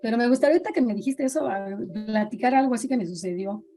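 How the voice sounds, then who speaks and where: A woman's voice: on the high side, lively intonation, very fast, warm tone, soft background music. A middle-aged woman with a Mexican accent, telling her own eerie experiences in a casual chat and acting out the voices she quotes. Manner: dramatic storyteller, acts out quoted voices. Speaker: podcast guest sharing experiences.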